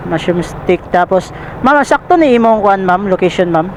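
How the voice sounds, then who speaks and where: On his motorcycle in traffic, a Filipino delivery vlogger with a Bisaya accent talks in a high voice with lively intonation at a normal speed. He's informal, repeats himself, and addresses viewers as pals, recorded through a helmet intercom microphone with heavy traffic noise.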